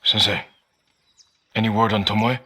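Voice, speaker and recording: A man's voice: fairly low pitch, steady tone, moderate pace, pushed and bright, slightly rough. An actor playing a determined young male samurai in a video game, speaking steadily and earnestly and pressing for answers. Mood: wary. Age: young adult. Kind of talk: video game cutscene acting.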